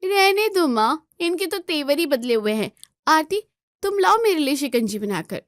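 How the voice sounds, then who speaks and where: A woman's voice: sing-song, normal speed, no echo, clean studio sound. A woman voicing a spoiled, bossy married daughter who whines and gives orders. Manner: shrill, whiny, commanding.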